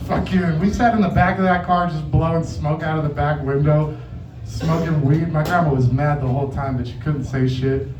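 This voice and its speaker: A man's voice: a little high, fairly even intonation, normal speed, noisy background. A man telling stand-up stories at an open mic in a rambling, casual, sweary way, chuckling as he goes. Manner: chuckles through his own stories. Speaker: amateur stand-up comedian. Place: open mic venue with echo. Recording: muffled, echoey room, distant mic.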